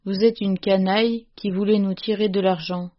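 A woman's voice: mid-range voice, fairly even intonation, normal speed, natural voice. A woman reading the part of a proud, frightened father who lashes out in anger. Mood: angry. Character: proud, frightened respectable man, angry father. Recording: muffled lo-fi recording.

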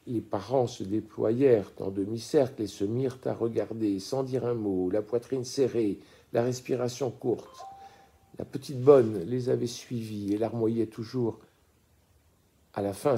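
A man reading a classic story aloud as an audiobook, measured and expressive. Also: medium pitch. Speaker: narrator.

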